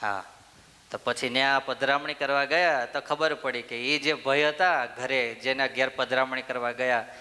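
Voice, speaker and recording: Swami preaching in a reverberant hall. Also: male voice, medium pitch, steady tone, measured pace, sharp tone. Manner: storytelling, asks the audience questions and answers them. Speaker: swami giving a temple discourse. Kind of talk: sermon with a story.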